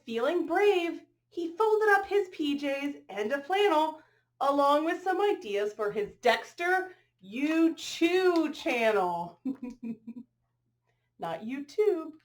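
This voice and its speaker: A teacher reads a storybook aloud to children in a high, animated voice, slowly and expressively, drawing out the reading. She pauses for asides and questions to her young listeners.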